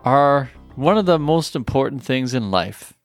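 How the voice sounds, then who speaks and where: A man's voice: mid-range voice, animated, unhurried, no echo, faint music behind. A man co-hosting a casual podcast, chatting in a rambling way with fillers and restarts. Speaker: podcast co-host. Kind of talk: casual chat.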